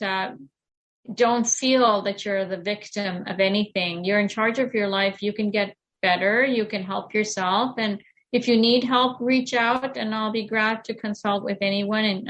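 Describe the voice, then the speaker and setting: A woman's voice: mid-range voice, fairly even intonation, measured pace, a bit bright. A middle-aged woman, a wellness consultant, talking in a podcast interview in an earnest, encouraging way that rambles with restarts.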